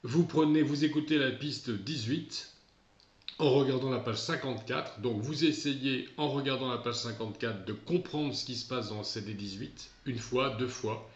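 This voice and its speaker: Male teacher, mid-pitched, patient and repetitive; a dull, roomy recording. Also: moderate pace. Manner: patient, repetitive explaining with restarts. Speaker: English teacher. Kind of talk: recorded remote lesson.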